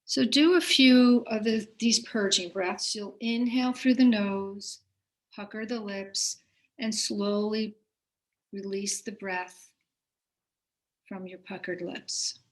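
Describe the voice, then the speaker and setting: Guiding a meditation, a female teacher speaks in a mid-range voice with a steady tone. Her instructions come softly and slowly, separated by pauses.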